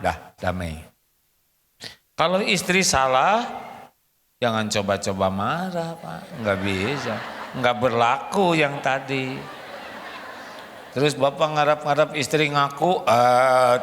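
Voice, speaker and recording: Slow, bright-voiced Sundanese-accented older preacher. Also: male voice, mid-range voice. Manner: joking, acts out husband and wife voices. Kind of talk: humorous sermon to a congregation. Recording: hall reverb, faint room noise.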